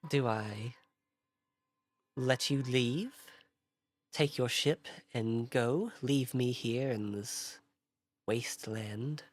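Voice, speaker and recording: A man playing a calm, weary female Jedi in a tabletop role-play, speaking slowly and thoughtfully with pensive hums. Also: medium pitch. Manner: slow, measured, thoughtful hums.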